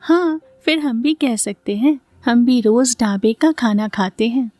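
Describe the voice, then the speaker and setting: A woman's voice: fairly high pitch, a little slow, a little mellow, no room sound, faint music behind, lightly acted. A woman voicing a dramatic, scheming mother-in-law who talks theatrically and often sounds exasperated.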